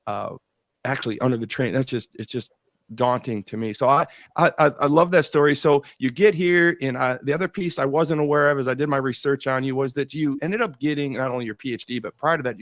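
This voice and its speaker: A podcast host with a medium-pitched voice chats casually with a guest, enthusiastic and rambling, restarting his sentences often. The recording is dry.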